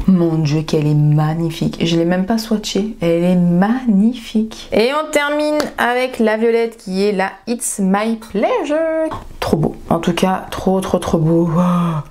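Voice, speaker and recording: A woman's voice: medium pitch, a little mellow, a little hiss or hum. A young woman vlogging a makeup haul at home, gushing and enthusiastic, repeating words for emphasis. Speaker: beauty vlogger. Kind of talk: casual makeup haul vlog.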